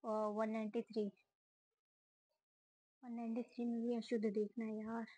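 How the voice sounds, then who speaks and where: A woman working through a grammar test, reading each option aloud and giving quick verdicts. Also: on the high side, little pitch movement, dark tone, dry recording, low-quality recording. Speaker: student solving a test series. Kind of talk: casual spoken walkthrough of exam answers.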